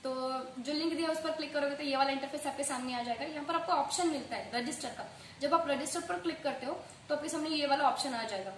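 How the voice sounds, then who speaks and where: Woman tutorial host, quick casual patter with English phrases mixed in, high voice, roomy echo. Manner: fast-talking, mixing English phrases into her speech. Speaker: online earning tutorial host. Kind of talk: casual tutorial talk to viewers. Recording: echoey room with faint background noise.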